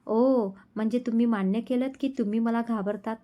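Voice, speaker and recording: Woman reading young wife, loving, gently bossy, pleading, higher voice, romance storybook. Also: fairly even intonation, a little fast, lo-fi sound, natural voice. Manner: affectionate, pleading.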